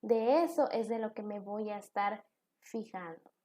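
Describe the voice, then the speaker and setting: A woman's voice: mid-range voice, measured pace, dark tone. A woman teacher giving a recorded online class, explaining step by step with examples.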